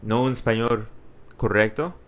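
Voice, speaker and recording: A man tells personal stories casually, halting and restarting words, now and then slipping into Spanglish. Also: on the low side. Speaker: interview guest.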